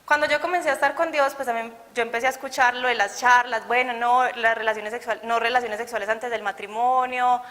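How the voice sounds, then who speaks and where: A woman's voice: on the high side, fairly even intonation, brisk, few pauses, fairly bright tone, slight background noise. A young woman gives an earnest, conversational sermon and personal testimony, acting out the dialogue she recalls. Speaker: church youth speaker. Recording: reverberant hall.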